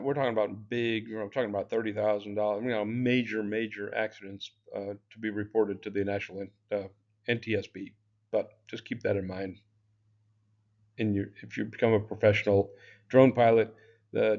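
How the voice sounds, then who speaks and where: A man's voice: lowish voice, darkish tone, lo-fi sound. A man teaching an exam-prep lecture in a loose, chatty way, full of fillers and asides. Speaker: drone exam instructor.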